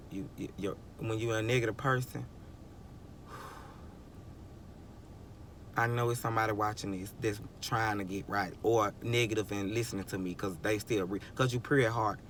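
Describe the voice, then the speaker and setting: Here a twenty-something male vlogger with a fairly low voice delivers an emphatic, meandering pep talk, often laughing and starting his sentences over. A faint hiss or hum sits under the recording.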